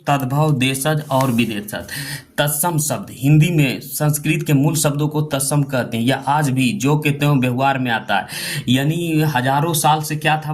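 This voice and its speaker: A man teaching a grammar lesson who explains step by step, puts questions to the class and answers them himself, repeats phrases and adds frequent tag questions. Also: medium pitch.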